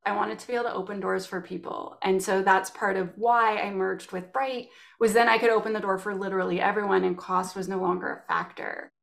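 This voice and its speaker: A Canadian woman, a guest in a casual interview, telling stories with lively acted-out quotes. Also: medium pitch, fairly quick, gravelly, hardly any pauses. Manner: animated storytelling, acts out quotes.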